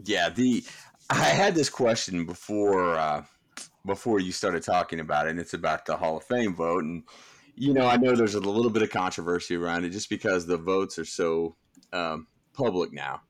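A man's voice: deep voice, normal speed, no room sound. A man co-hosting a casual podcast, asking long, rambling questions. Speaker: podcast co-host.

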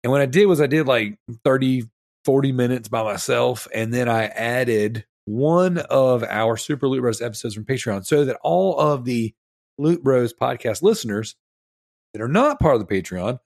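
In a clean studio recording with no room sound, a man hosting a casual podcast speaks expressively at normal speed, his mid-range voice marked by vocal fry. Strep throat leaves him wheezy, congested, snotty and breathing through his mouth, yet he rambles on eagerly in loose slang.

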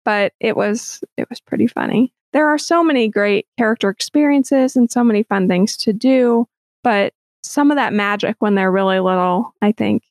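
Woman, 30s, host, casual chat, upbeat, chatty, middle pitch, dry close sound. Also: moderate pace, no echo. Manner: chatty and upbeat, laughs easily.

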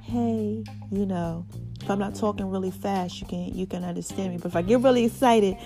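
A woman's voice: mid-range voice, fairly even intonation, fast, dark tone, soft background music. Woman with a slight post-surgery lisp. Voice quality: slight lisp, mouthful-sounding articulation from stitches after mouth surgery. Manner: folksy, repeats phrases, checks in with "okay" and endearments. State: recovering from mouth surgery, stitches in mouth. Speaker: podcast host. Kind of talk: casual inspirational solo talk.

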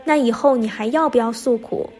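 A woman reading the lines of a calm, patient elderly male monk, asking gentle questions. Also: on the high side, brisk, faint music behind, natural voice.

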